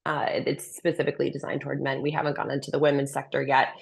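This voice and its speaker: A woman's voice: extremely low pitch, completely flat delivery, fast talker, creaky. A woman speaking as a dating coach in a conversational interview, explaining things and giving opinionated advice. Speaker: dating and relationship coach, menswear stylist.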